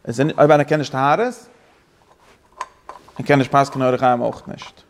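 A man teaching an informal religious class to students, halting, with many restarts and repeated words, and English phrases mixed in. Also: mid-range voice, fairly even intonation, slight background noise.

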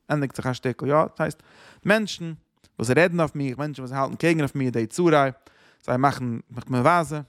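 A man's voice: mid-range voice, no echo, studio quality. A man, teaching a lesson on Psalms in loose, searching speech full of Hebrew and English terms. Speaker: Torah teacher.

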